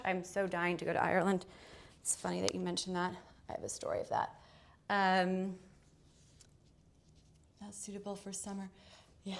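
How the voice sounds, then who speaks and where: A woman hosting a live fashion shopping stream, chatting upbeat with many fillers. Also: medium pitch. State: out of breath. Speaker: fashion livestream host. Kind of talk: casual live shopping chat. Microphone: moving away from the mic while changing outfits.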